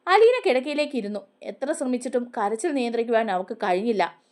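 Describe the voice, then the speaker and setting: A woman narrating a TV serial as a story, with a steady, expressive reading. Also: on the high side.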